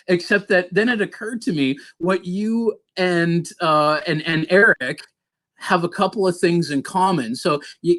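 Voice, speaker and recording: A man hosting a charity livestream concert, talking in a loose, halting, chatty way before handing over to the band. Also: high-pitched, fairly bright tone. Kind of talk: casual live-stream hosting.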